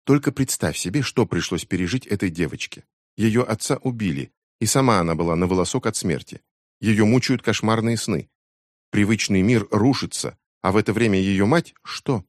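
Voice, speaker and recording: A man voicing a tired, worried middle-aged mother who speaks in a soft, strained way. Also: lowish voice, moderate pace, dry recording, studio quality, close to an everyday voice.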